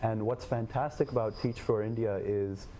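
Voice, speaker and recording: A young man from Nepal, answering interview questions in a measured, thoughtful way with frequent fillers. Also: lowish voice, fairly even intonation, mellow, a little hiss or hum. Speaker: guest, education tech company head.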